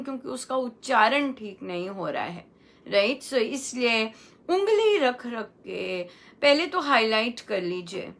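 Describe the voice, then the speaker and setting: A middle-aged woman speaks slowly and deliberately, repeating chant words one by one to correct their pronunciation. Her voice sits a little high and sounds bright, and she slips English words into her Hindi teaching. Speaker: satsang speaker.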